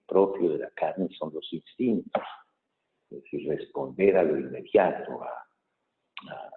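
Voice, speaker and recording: A low-voiced priest speaks in a measured, thoughtful way, his words ringing in a long cathedral echo. The sound is thin and tinny, as if heard over a phone line. He pauses and hesitates now and then as he preaches. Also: vocal fry. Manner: measured reading, thoughtful homily with pauses and fillers. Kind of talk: Mass reading and homily. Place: large church. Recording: echoey church hall, tinny phone-like sound.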